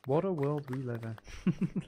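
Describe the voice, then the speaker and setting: A game streamer speaks in a mid-range male voice at a slow pace, rambling through casual live commentary in a playful, self-deprecating way. Steady rain can be heard behind him throughout.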